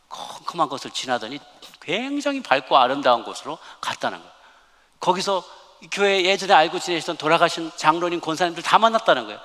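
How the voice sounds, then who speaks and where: A man's voice: on the high side, a bit bright. A man preaching a sermon as a pastor in a church sanctuary, telling a story emphatically and reading scripture aloud. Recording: long church hall reverb.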